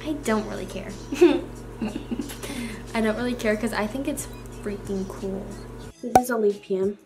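A teenage girl vlogs in a casual, bubbly chat recorded on a camera mic, with music playing in the background. Her voice is medium-pitched at normal speed, and she talks with a slight new lisp and lots of fillers.

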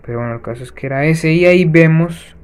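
A man hosting a let's-play, chatting to viewers as he plays and breaking off with quick gasping reactions. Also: fairly high pitch, faint music behind. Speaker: gaming channel host. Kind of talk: let's-play gameplay commentary.

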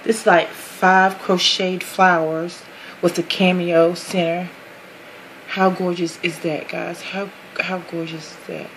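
A woman's voice: lowish voice, little pitch movement, slow pace, a bit bright, a little hiss or hum, rough recording. A woman chatting casually to her viewers while unboxing a handmade craft box, gushing over each detail, apologizing often and calling everyone "guys.". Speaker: craft vlogger.

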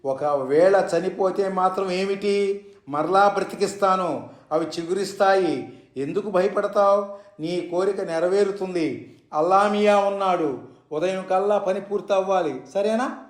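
A man's voice: high-pitched, a little slow. A man voicing a revered old male saint who speaks to a devotee in a soothing, coaxing, fatherly way, in an echoey room. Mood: consoling.

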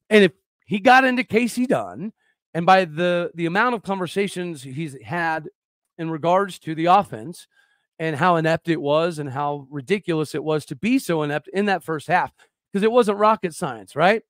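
A man's voice: on the high side, no echo, clean studio sound. A man hosting a sports podcast, opinionated and emphatic. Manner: emphatic, fired-up, with frequent restarts. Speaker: podcast host.

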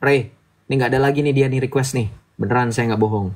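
A man hosts a casual livestream. He talks at a middle pitch in a chatty, lecturing way and keeps asking his listeners to agree. He speaks into a streaming mic. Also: steady tone, fast talker. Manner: chatty, lecturing, asks "betul nggak?" often. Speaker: livestream host.

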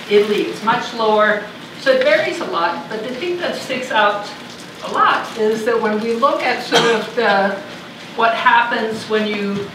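Recorded from a distance by a room microphone in a large lecture hall, a middle-aged woman from Denmark delivers a university lecture as a visiting lecturer. She speaks in a mid-range voice, conversationally thinking aloud with fillers, while background noise is present.

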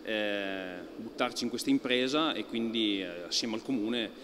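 A man in his thirties, an archery club president, giving an interview in an indoor archery hall, talking with many fillers and pauses. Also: lowish voice, background noise. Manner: thoughtful, halting, many fillers. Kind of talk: on-camera interview.

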